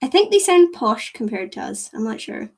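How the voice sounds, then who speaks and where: Here a young woman from Scotland talks casually to her livestream viewers, rambling along with plenty of giggles and "like"s. She pitches on the high side with big swings in pitch, moves at a normal speed, and has a creaky, darkish sound.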